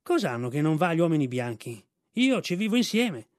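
Curious, proud army horse, read by a man; his voice rides fairly high. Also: very animated, fairly quick, no room sound, studio quality. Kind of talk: audiobook reading.

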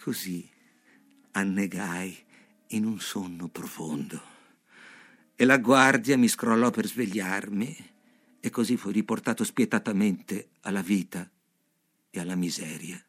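A man reading a novel aloud on the radio in an expressive, dramatic manner. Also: on the low side, measured pace, pauses often. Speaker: audiobook reader.

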